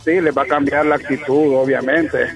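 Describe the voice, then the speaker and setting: A man's voice: medium pitch, flat delivery, normal speed, vocal fry, music in the background. A man calling in to a radio show, speaking earnestly and reflectively. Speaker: radio caller. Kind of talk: phone-in chat.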